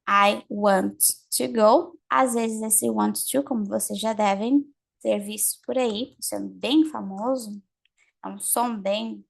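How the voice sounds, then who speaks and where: Mulher de voz rouca, fala pausada. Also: female voice, fairly high pitch, gravelly, husky. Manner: modeling English phrases slowly, repeating drills. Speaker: English pronunciation teacher. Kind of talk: online lesson, mixing Portuguese and English.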